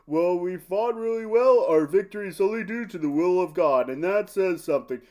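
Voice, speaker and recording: A man's voice: high voice, lively intonation, normal speed, a little mellow. A man playing a proud young medieval prince who talks casually and confidently, as in a post-game sports interview. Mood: cocky, pleased. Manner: casual, self-assured.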